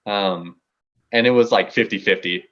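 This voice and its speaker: A nineteen-year-old American music artist, appearing as a podcast guest, tells a story casually and playfully argues his point. His voice is fairly low and a bit bright at a moderate pace, with the highs cut off.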